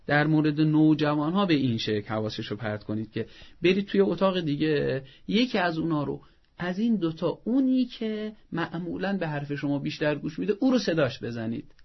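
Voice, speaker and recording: On a show, a man with a fairly high voice gives advice as a parenting expert, earnest and didactic in manner. He acts out parents' scolding in a raised voice. The sound quality is lo-fi.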